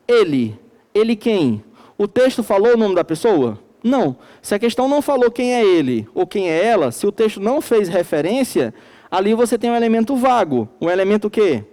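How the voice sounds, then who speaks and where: A male teacher with a Manaus accent gives a recorded classroom lecture, leaning on each key word. His voice sits high yet sounds mellow and soft-edged. He keeps posing questions to the class and supplying the answers himself. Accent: Brazilian Portuguese, Manaus. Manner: slow and emphatic.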